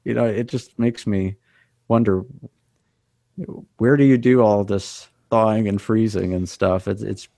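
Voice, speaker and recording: Low-voiced man explaining thoughtfully. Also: steady tone, measured pace, gravelly, mellow, dry recording, studio quality. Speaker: podcast co-host. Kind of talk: casual chat.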